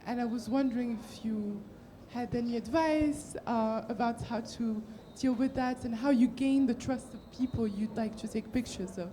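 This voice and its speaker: A woman's voice: fairly high pitch, normal speed, few pauses, warm tone, slight background noise. Polite woman asking from the audience. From Morocco. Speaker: audience member asking a question. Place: café event room.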